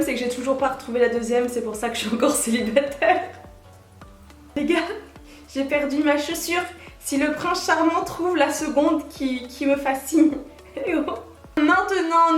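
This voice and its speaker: A young woman chatting casually to her viewers as a vlogger, bubbly and often laughing. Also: sits high. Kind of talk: casual shoe haul chat. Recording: echoey room.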